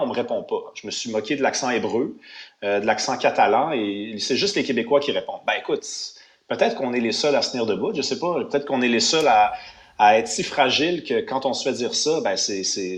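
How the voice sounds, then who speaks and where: A man's voice: medium pitch, echoey room. A man with a Quebec French accent, giving emphatic opinions as a radio commentator, with many restarts and fillers.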